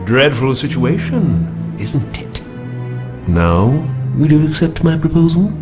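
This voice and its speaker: Slow, theatrical villain Count Olaf. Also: male voice, on the high side, very animated. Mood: oily, mock-tender. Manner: hammy, oily, drawn-out grandiose delivery. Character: scheming, greedy, theatrical villainous count, gloating and false. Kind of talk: video game character acting. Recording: loud music behind the voice.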